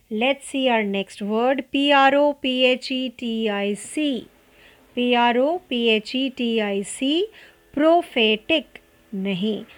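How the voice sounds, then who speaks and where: Slow, deliberate Indian woman teaching pronunciation. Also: fairly high pitch. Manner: slow, deliberate, spells out letters and repeats words for drill. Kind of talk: pronunciation lesson, spelling words aloud.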